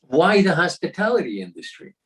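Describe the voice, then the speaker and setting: A man's voice: a little high, big pitch swings, fairly quick, fairly bright tone. A man interviewing a guest with brief, direct questions.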